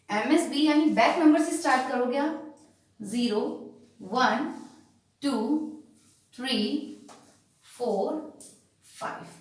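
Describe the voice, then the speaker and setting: Slow, high-voiced woman teacher. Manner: asks checking questions and answers them herself; slow and emphatic when spelling out digits. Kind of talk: classroom lesson on binary numbers. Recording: echoey room, far from the mic.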